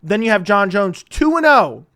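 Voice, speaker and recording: High-voiced, exasperated male reaction commentator. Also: big pitch swings, moderate pace, sharp tone, clean tone. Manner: exasperated, mocking, argumentative. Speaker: video commentator. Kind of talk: reaction commentary on combat sports.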